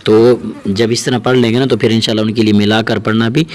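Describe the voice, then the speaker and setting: A man's voice: fairly low pitch, level tone. A man, teaching Quran reading in a patient way, repeating his points and drawing out each recited letter. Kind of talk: explaining a lesson.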